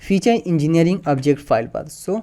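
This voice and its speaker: A man's voice: a little high, lively intonation, a little fast, mellow. A man teaching a coding tutorial, patiently explaining each step and reading code aloud as he types it, with English terms mixed into his speech. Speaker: tutorial instructor. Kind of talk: screen-recorded coding tutorial.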